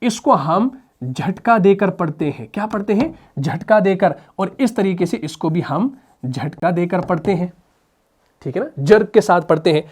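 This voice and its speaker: A man's voice: high-pitched, animated, husky. Man teaching with self-answered questions. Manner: asks rhetorical questions and answers them; drills sounds by slow repetition. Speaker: Quran recitation teacher. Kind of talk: explanatory tajweed lesson.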